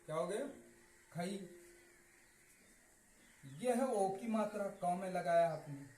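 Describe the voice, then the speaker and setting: Male teacher, patient and repetitive, lively pitch; roomy recording with faint hiss. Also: takes it slowly. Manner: patient, repeats each answer twice, drops pitch at each result. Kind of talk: slow step-by-step writing lesson. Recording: echoey room with faint noise.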